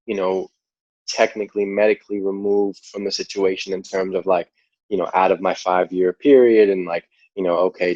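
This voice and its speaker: Low-voiced New York man, rambling. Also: no room sound. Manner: relaxed, rambling, heavy use of "like" and "you know". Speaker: podcast guest. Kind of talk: casual interview storytelling. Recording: dull lo-fi audio.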